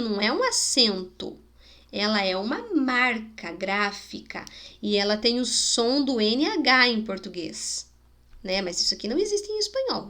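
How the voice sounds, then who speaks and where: A woman with a Spanish-speaking accent and a higher, fairly bright voice gives schoolchildren a video lesson. Explaining patiently, she sounds out words as examples and keeps checking in with "né?" and "tá bom?".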